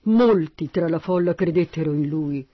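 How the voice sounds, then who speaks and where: A man narrating a Bible passage in a steady, slightly husky voice. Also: on the high side, normal speed, no room sound, dull audio. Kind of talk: Bible reading.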